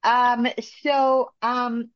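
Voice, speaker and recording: A woman from Bosnia, speaking in a halting way with many pauses and fillers as a caller in a phone-in discussion. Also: on the high side, little pitch movement, dry recording. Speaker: caller sharing experience. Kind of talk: casual phone-in talk. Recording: muffled lo-fi line.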